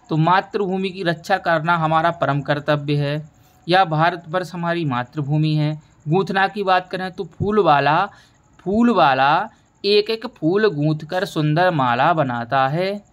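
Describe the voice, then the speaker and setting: A man with a fairly high voice explains a school lesson step by step. He goes patiently through each answer and repeats key words for students. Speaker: teacher.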